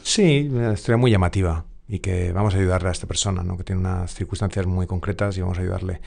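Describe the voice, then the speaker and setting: Low-voiced man. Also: quick pace, gravelly, a little mellow. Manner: hesitant, many fillers and restarts while recounting. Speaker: yoga teacher, co-host. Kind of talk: casual conversational storytelling.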